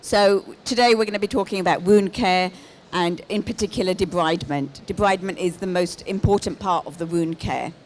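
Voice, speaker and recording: A woman's voice: lowish voice, a little fast. A middle-aged woman giving a live presentation on a handheld microphone as a lead clinician. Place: exhibition stand in a large busy indoor hall. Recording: live hall with clear background noise.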